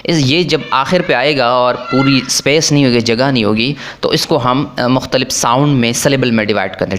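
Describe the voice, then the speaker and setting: Guy teaching english grammar, says theek hai a lot, slows right down on the english bits. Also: medium pitch, fairly bright tone. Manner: repeats "ठीक है" often, slows down when reading English rules. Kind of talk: explaining grammar.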